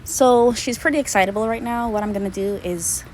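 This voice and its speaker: A woman's voice: fairly high pitch, a little fast, a little mellow. A woman chatting casually to camera as she walks and handles her dog, explaining things like an owner giving training tips. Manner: talking while out walking and handling a dog. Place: out on a walk with a dog. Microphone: handheld camera microphone. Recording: noisy handheld camera recording.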